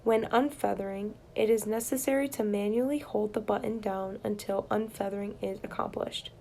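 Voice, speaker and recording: A woman reading aloud written and oral exam study questions and their answers, in a steady, plain reading manner. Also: medium pitch, moderate pace, gravelly, a little hiss or hum.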